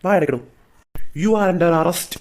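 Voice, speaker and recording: A man's voice: high voice, slow pace, darkish tone, exaggerated voice. A man playing a bossy, boastful police officer who scolds his constable in a comic family skit.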